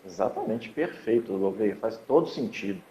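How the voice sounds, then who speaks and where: A man's voice: fairly low pitch, animated, normal speed, warm tone. A man hosting a conversation on grief speaks in an earnest, encouraging way and repeats his phrases. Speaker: host, hypnotherapist. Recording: echoey, dull audio with faint hiss.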